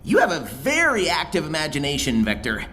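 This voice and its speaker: Guy doing a high skeptical young cartoon heckler, swoopy pitch. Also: wildly swooping pitch, a little fast, bright, forceful tone, faint music behind, heavily acted. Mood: incredulous.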